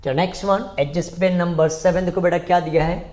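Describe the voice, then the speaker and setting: A male accountancy teacher gives a classroom lecture. He mixes in English, calls his students "beta", answers his own questions, and spells out key phrases slowly over and over. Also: high voice, steady tone, a little mellow.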